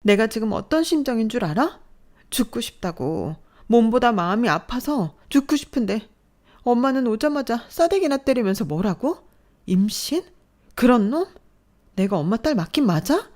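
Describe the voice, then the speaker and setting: A woman's voice: mid-range voice, lively intonation, normal speed, voice pushed up, lightly acted. A woman voicing a distressed young adult daughter who pleads and lashes out at her mother in a dramatized story. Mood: distraught. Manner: pleading, tearful outbursts.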